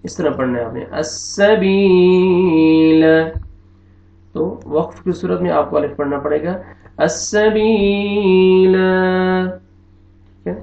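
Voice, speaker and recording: A man with an Urdu accent teaching Quran reading in an online lesson, explaining patiently and repeating each word slowly. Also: fairly high pitch, gravelly. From Pakistan. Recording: echoey, dull lo-fi room.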